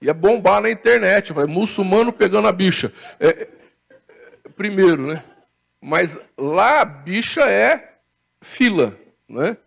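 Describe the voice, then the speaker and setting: A man's voice: high voice, animated, measured pace, gravelly. A Brazilian man preaching a sermon as pastor in a church, chatty and storytelling, often asking for agreement and laughing at his own anecdotes. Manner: conversational preaching, frequent tag questions, laughs at own stories.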